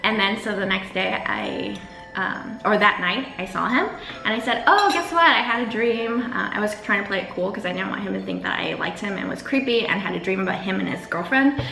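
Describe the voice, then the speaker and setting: A young woman chats casually and tells stories with a giggly, theatrical touch for quoted lines. Her voice is bright and creaky. She is in an echoey room with music playing underneath. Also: medium pitch, fairly quick. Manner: animated retelling, acts out quoted dialogue, giggly. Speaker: co-host of a food show. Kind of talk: casual chat, personal storytelling.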